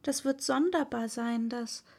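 A polite, curious little girl, put on by a woman reading aloud chatters eagerly in a high, light voice. She speaks at an unhurried storybook pace. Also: vocal fry. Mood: chatty. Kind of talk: audiobook reading.

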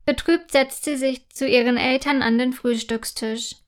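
A woman narrating a children's story in a gentle, clearly articulated way. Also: sits high, steady tone, unhurried.

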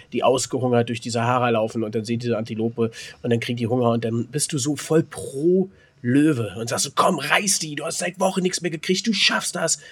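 This man has a fairly high, slightly breathy voice. He co-hosts a podcast and chats casually, telling stories in a colloquial, emphatic style with some mild swearing.

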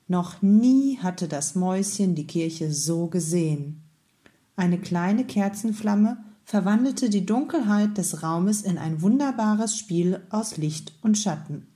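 A woman reads a children's story aloud in a calm, storytelling manner. Her pace is slow and her voice mellow and warm. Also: mid-range voice. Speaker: kindergarten head reading a story.

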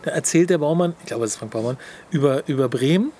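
A young man co-hosting a podcast in casual chat, telling stories in an animated, slangy way and laughing often. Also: a little high, fast talker. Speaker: podcast co-host.

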